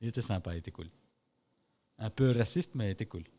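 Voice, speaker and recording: Homme belge, voix grave, ton relâché. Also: male voice, lowish voice, quick pace, warm tone. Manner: loose, swearing, mimics others in quotes. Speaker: podcast co-host. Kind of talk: casual chat, storytelling.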